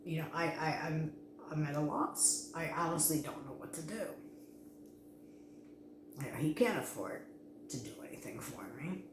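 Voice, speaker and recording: A woman's voice: low-pitched, lively intonation, moderate pace, pauses often, background noise. A middle-aged woman vlogging casually, anxious and rambling, restarting her sentences often. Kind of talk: casual personal vlog. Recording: echoey room with faint ambience.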